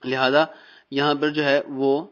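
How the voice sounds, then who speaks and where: A man from Pakistan teaching Quran reading in a recorded lesson, patiently explaining and drilling letter sounds slowly. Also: medium pitch, flat delivery, a bit bright. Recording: dull, muffled recording.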